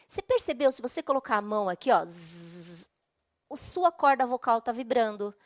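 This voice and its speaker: A woman's voice: on the high side, lively intonation, quick pace. A woman with a Brazilian Portuguese accent teaching an online English class, explaining patiently step by step and checking in often.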